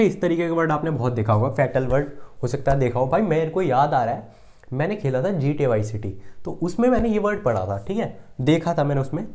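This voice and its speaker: A man's voice: on the high side, dark tone. A man teaching English vocabulary in a casual online lesson, repeating each word and checking often that students follow. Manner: repetitive, checks understanding often, drills words.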